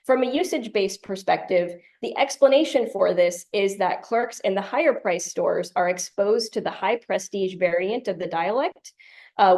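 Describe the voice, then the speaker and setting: A woman presenting a conference tutorial, explaining ideas in a clear lecture style with light humorous asides. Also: mid-range voice, darkish tone. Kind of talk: academic lecture.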